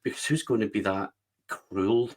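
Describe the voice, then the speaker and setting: A man's voice: fairly low pitch, normal speed, a little mellow. A man with a West of Scotland accent, speaking as a guest on an interview podcast and stressing his points with repeated phrases. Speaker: guest, book strategist.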